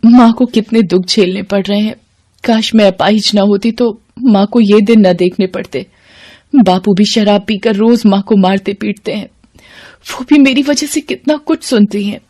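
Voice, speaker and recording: A woman's voice: mid-range voice, normal speed, mellow, lightly acted. A woman voicing a sorrowful young college girl. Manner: sorrowful inner monologue.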